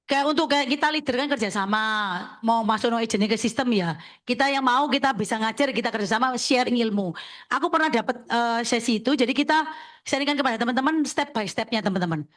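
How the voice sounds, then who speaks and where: A woman, an insurance agency leader briskly coaching listeners and checking in with them as she talks. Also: a little high, a bit bright. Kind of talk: sharing tips at a talk session.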